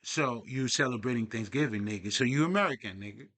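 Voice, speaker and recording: A man's voice: medium pitch, quick pace, fairly bright tone. A young man talking in a casual, profane, rambling monologue as a spiritual vlogger. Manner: profane, streetwise, digressive.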